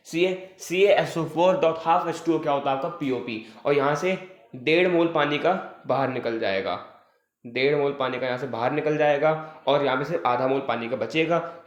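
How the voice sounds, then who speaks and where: Male chemistry tutor, fairly high voice, roomy sound, drills each point with questions and frequent check-ins. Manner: repetitive question-and-answer teaching, frequent "theek hai". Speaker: chemistry teacher. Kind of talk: online class lecture in Hindi with English terms. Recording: echoey room.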